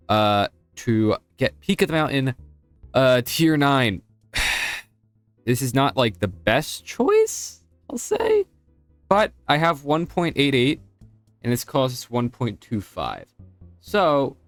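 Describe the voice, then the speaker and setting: A man's voice: clean tone, no echo. A young man casually narrating his gaming progress in a chatty, self-mocking way. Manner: chatty, self-mocking, lively pitch swings. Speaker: gaming YouTuber.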